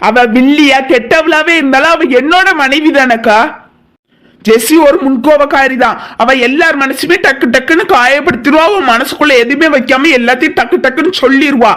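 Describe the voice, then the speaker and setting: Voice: high-pitched, moderate pace, a bit bright. A performer voicing an earnest younger brother. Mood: pleading. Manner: pleading, reasoning at length. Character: earnest younger brother defending his wife. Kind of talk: cartoon family drama voice acting.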